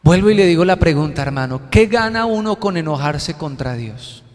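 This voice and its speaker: High-voiced pastor preaching. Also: male voice, moderate pace. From Colombia. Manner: animated, joking, acts out quotes. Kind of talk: sermon. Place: church hall. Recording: reverberant hall sound.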